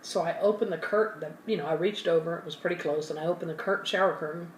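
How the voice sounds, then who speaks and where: A woman's voice: lowish voice, fairly even intonation, fast talker, recorded from a distance, a little hiss or hum. Rambling woman chatting while eating. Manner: rambling, self-correcting, talks with mouth full. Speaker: ASMR channel host. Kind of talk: casual storytelling while eating. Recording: roomy and from the mic, faint ambience.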